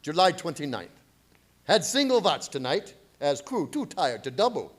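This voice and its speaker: A man playing a grim, fearful foreign ship captain in a radio play, reading his log in clipped, halting broken English. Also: on the high side, sing-song. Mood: grim, terse. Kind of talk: dramatic radio play narration.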